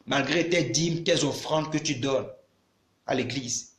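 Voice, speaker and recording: A man's voice: mid-range voice, a little slow, echoey room. A man preaching a sermon to a video audience, emphatic and repeating his phrases as he addresses listeners directly.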